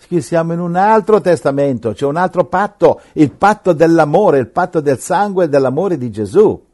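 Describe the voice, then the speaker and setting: A man preaching a sermon, emphatic, swinging between loud rhetorical questions and quiet asides. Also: a little high, animated, moderate pace.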